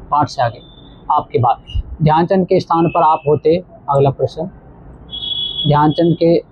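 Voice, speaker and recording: A male teacher explaining a textbook lesson to children, slowly repeating words for emphasis. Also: mid-range voice, breathy edge. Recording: tinny phone-like audio.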